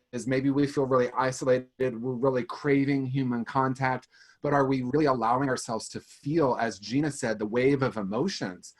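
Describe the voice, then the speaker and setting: Earnest man on a webinar panel. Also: medium pitch. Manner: earnest, gently encouraging.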